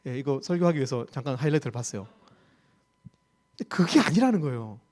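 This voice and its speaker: A man's voice: medium pitch, sing-song, quick pace, a little mellow. A man with a Gyeongsang accent preaching a sermon as campus ministry staff. He speaks emphatically, asks rhetorical questions and repeats key phrases. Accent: Gyeongsang Korean.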